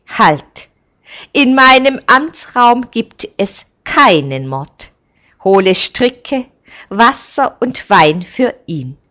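A woman voicing an old male village elder who speaks in a firm, measured and kindly commanding way. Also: medium pitch, very animated, pitched above the performer's own voice.

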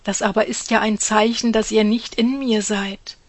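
A woman gives a solemn devotional reading, speaking as God the Father to his children in an earnest, exhorting way. Her phrase endings often drop to a soft hush. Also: medium pitch, fairly even intonation, moderate pace, dry recording. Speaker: reader of a devotional message.

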